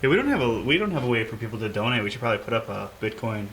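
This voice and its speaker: A man hosting a podcast in casual chat, talking haltingly with lots of fillers as he thinks aloud. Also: mid-range voice, very animated, over a noisy crowd, poor audio. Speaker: podcast host.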